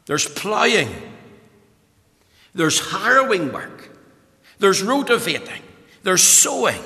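Man, Northern Irish accent, evangelical sermon, slow deliberate delivery, emphatic repetition, long hall reverb. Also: high-pitched, pushed and bright. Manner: emphatic, repeats phrases for weight. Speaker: preacher.

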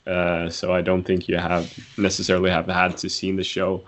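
A man's voice: sits low, monotone, moderate pace, a bit bright, slight background noise. A man hosting a podcast, easygoing and a little hesitant, with many fillers and restarts. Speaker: podcast host. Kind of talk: casual chat.

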